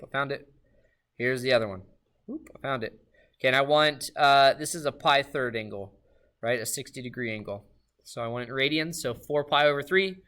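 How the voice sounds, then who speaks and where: A man giving a recorded math lesson, upbeat and talking straight to his students with quick questions. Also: medium pitch, bright, forceful tone. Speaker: math teacher.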